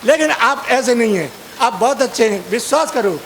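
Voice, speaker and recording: A man's voice: very high voice, lively intonation, normal speed, a bit bright, a little hiss or hum. A man performing as a comic poet on stage, mixing sung verse with teasing chat to the audience. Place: outdoor poetry gathering stage.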